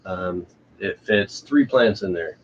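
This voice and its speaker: A man's voice: low voice, slow pace. A man co-hosting a live stream, chatting casually about gardening gear. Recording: muffled, noisy live-stream audio.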